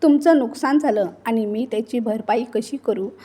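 A woman's voice: fairly high pitch, moderate pace, warm tone, husky. A woman reading the lines of a kind, worried young married daughter in a story. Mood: earnest.

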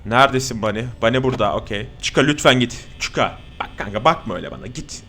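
Jokey, excitable streamer man. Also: mid-range voice, quick pace, a little hiss or hum. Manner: jokey, excitable, swears often, talks to the viewers. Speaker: gaming streamer. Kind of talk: casual horror gameplay commentary.

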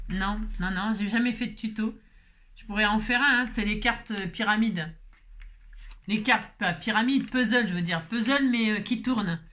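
A woman's voice: mid-range voice, fairly bright tone. A woman papercraft vlogger chatting casually as she opens her mail, playful and full of exclamations. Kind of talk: casual chat while opening mail.

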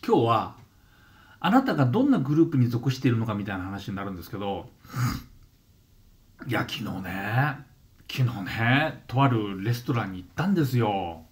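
A man in his fifties from Gunma, Japan, hosts his own channel and tells an everyday story straight to camera. His voice sits at a middle pitch and swings widely up and down. He often stumbles, repeats words and briefly mimics the people he is describing. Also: expressive, normal speed, long pauses. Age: 50s. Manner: frequent restarts and repeated words. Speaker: channel host. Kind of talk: casual talking-to-camera monologue.

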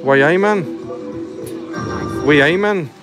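A man's voice: fairly high pitch, slow pace. Laid-back man narrating his slot session. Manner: laid-back, swearing, self-mocking. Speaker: gambling channel host. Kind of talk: casual commentary on slot play. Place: arcade or bookmaker's with slot machines. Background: slot machine music.

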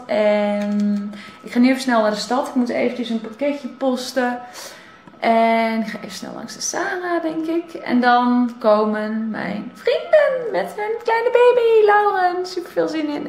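Young dutch woman doing a casual vlog, kinda high voice, holding the camera, noisy background. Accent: Netherlands Dutch. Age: young adult. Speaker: vlogger. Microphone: handheld camera at arm's length. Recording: clear background noise, handheld camera.

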